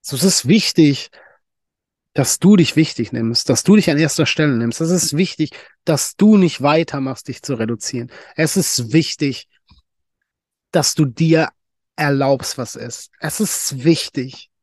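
A man's voice: on the high side, unhurried, a little mellow, dry recording, clean studio sound. A man hosting a solo podcast monologue, emphatic and blunt, swearing freely and repeating phrases for effect. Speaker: podcast host.

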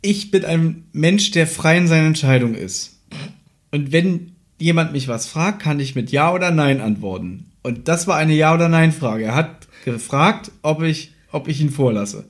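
A man's voice: fairly high pitch, animated, normal speed. A man co-hosting a casual chat, telling a story and defending himself in an argumentative way. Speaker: podcast co-host.

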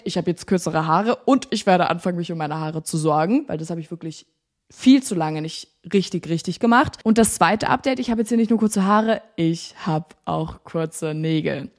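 A young woman hosting a podcast, telling a story in a chatty, animated, slangy way. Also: on the low side. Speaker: podcast host. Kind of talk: casual storytelling monologue.

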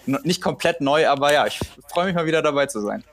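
A man's voice: fairly high pitch, animated, quick pace, slight background noise. A man co-hosting a podcast as an expert, talking casually over a remote call and thinking aloud as he goes. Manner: hesitant, many fillers and restarts, thinking aloud. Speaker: podcast co-host, triathlon expert.

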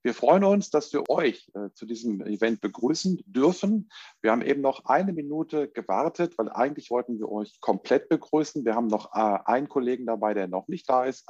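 German host and coach, husky, casual moderator, dull dry call sound. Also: male voice, medium pitch, dry recording. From Göttingen, Germany. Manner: relaxed, chatty moderation with fillers. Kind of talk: online launch event presentation.

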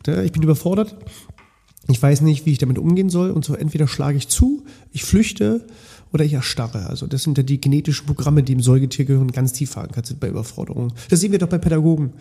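A man's voice: on the high side, fast talker, gravelly, warm tone, breathy edge. A man co-hosting a casual podcast conversation, reflective and explaining through everyday examples. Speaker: podcast co-host.

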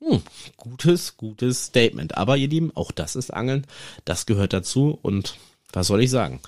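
A man's voice: lowish voice, moderate pace. A man hosting a fishing podcast, casually retelling a night of angling and acting out the dialogue with his friend. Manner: lively anecdotal retelling, acts out dialogue. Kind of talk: casual storytelling to listeners.

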